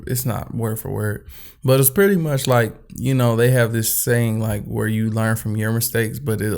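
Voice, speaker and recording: A man hosting a casual podcast chat, talking in halting, looping phrases and calling his guest bro. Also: mid-range voice, gravelly, darkish tone. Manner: halting, restarts often, calls people bro. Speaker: podcast host.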